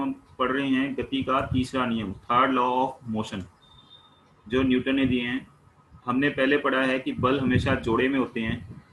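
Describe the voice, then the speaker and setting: Bright-voiced man teaching science. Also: mid-range voice, slight background noise, poor audio. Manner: asks questions and answers them himself; plain everyday explanations with household examples. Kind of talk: explaining a class 9 worksheet.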